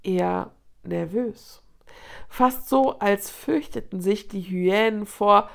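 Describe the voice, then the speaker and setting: Slow gravelly woman reading a story. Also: mid-range voice. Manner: expressive, dramatic narration. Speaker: children's book reader.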